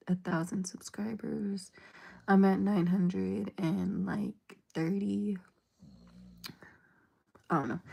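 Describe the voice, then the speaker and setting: Warm and gravelly at a medium pitch, the woman's voice drifts along as she hosts a casual livestream. She rambles easily and frequently lowers to a half-whisper.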